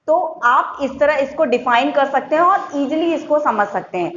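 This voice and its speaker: A woman with a fairly high voice teaches a grammar lesson to young children. She is patient, repeats each point and sounds out every example slowly. The recording is muffled and echoey, with a faint hiss underneath. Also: expressive, fairly bright tone. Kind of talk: Hindi grammar lesson for schoolchildren.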